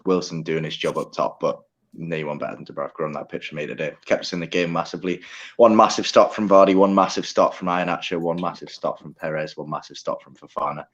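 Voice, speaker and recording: Deep-voiced man, dull lo-fi sound. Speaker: co-host, football fan. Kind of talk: casual football chat.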